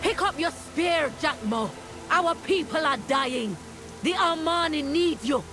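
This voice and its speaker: A commanding troll warrior from a fantasy game. The voice is high and very animated, with music behind it. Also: male voice, slow pace, heavily acted. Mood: urgent, commanding. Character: urgent troll warrior rallying their people. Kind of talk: video game voice acting.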